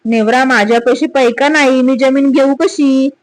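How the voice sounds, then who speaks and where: A woman's voice: sits high, steady tone, normal speed, no echo, natural voice, rough recording. A woman voicing a sly village man who feigns reluctance in rustic dialect. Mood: feigned.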